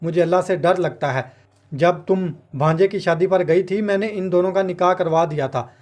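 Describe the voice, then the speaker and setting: A man's voice: sits high, normal speed, darkish tone, close to an everyday voice. A man reading as a stern fair uncle. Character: stern fair-minded middle-aged uncle.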